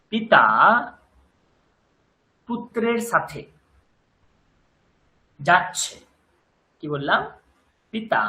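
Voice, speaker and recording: A man's voice: high-pitched, bright, forceful tone. Patient man teaching in an echoey room. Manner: patient, drills words by slow repetition. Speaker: language teacher. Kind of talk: grammar lesson.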